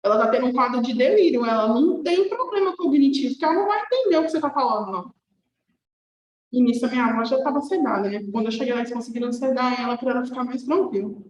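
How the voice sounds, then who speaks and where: A woman's voice: on the high side, animated, fast talker, darkish tone, reverberant, muffled recording. A young woman teaching an online nursing class in a chatty way, often checking with her students. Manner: conversational, checks with "tá?".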